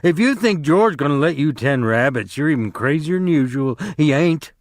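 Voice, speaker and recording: A man reading aloud, voicing a giant imaginary rabbit that sneers and taunts in rough, folksy speech. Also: on the high side, animated, moderate pace, dry recording, studio quality, pitched above the performer's own voice. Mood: taunting.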